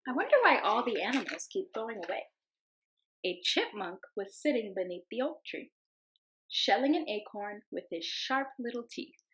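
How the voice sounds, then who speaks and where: A young woman teacher reads a picture book aloud to her class, gentle and unhurried, her voice sitting a little high. She lifts into a bright sing-song when the child in the story calls to the animals. The audio quality is poor.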